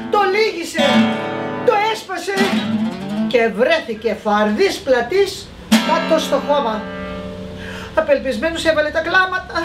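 Expressive Greek woman reading a children's story. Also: sits high, echoey room.

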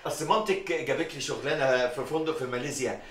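A man's voice: mid-range voice, quick pace, far from the mic, a little hiss or hum, lightly acted. An actor playing a bumbling middle-aged man in an Egyptian Arabic sitcom, stammering through rambling excuses. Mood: evasive. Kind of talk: sitcom acting. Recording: roomy set, voice from off-mic.

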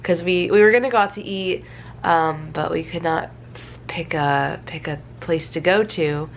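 Her nose blocked by a cold, a twentysomething vlogger sits in a small bedroom and chats to camera in a rambling, self-mocking way. She has a low voice and a measured pace; the recording carries faint background room noise.

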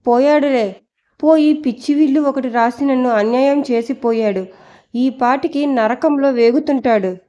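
A woman's voice: sits high, normal speed, warm tone, highs cut off, natural voice. A woman voicing a haughty, spiteful young woman who speaks scornfully in an audio novel.

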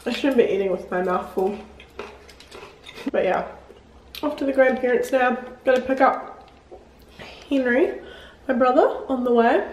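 Young New Zealand-accented woman vlogger, bright high voice, upbeat chatty delivery. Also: slight background noise, low-quality recording. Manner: chatty, upbeat, quick asides to camera. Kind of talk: casual vlog narration.

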